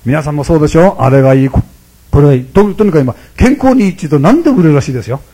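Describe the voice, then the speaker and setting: Older guy in his 60s, temple priest, chatty joking sermon, talks fast, kept kinda quiet, bit husky. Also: on the high side, animated. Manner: chatty and humorous, often addressing the audience directly. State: speaking quietly, holding his voice down. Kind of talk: conversational sermon to a congregation.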